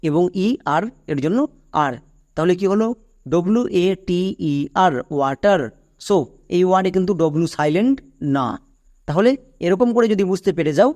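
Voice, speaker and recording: A man's voice: high-pitched, darkish tone. A man teaching English pronunciation, spelling words letter by letter and asking and answering his own questions. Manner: spells words letter by letter, then says them slowly. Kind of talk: step-by-step spelling lesson.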